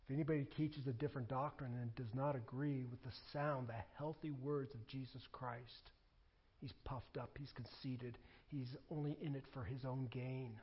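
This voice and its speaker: A pastor preaching a sermon, moving between quiet scripture reading and loud emphatic declarations. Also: male voice, mid-range voice, steady tone, normal speed, slightly rough, muffled recording.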